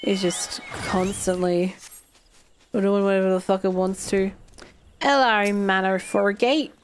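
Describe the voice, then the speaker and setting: An Australian woman streams a game and chats casually, rambling and swearing a bit. Her mid-range voice is slow and fairly even, sounding a bit worn from a slightly irritated throat, and the recording has a little hiss or hum.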